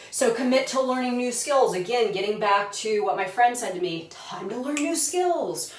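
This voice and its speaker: Earnest woman coaching in an echoey room. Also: mid-range voice. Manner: earnest, coaching, acts out inner voices, frequent "right?" checks. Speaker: self-help video host. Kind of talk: motivational self-help talk. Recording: roomy echo, mic at a distance.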